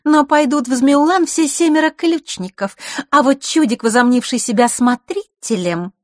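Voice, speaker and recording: A woman's voice: extremely high pitch, big pitch swings, measured pace, no echo, clean studio sound, voice pushed up, exaggerated voice. A woman voicing a spiteful teenage girl who mocks in a singsong, sneering tone. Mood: mocking.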